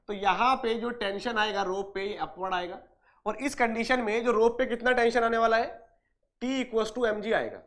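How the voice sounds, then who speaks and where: A man with an extremely high-pitched voice teaches an online engineering exam-prep class. Posing questions only to answer them himself, he repeats his points, addresses students as "dear" and "brother", and weaves in English technical terms.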